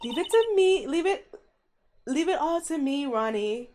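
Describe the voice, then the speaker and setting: A woman's voice: high voice, expressive, measured pace, noisy background. A woman doing a sugary, doting young woman. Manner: sugary, breathy pet names.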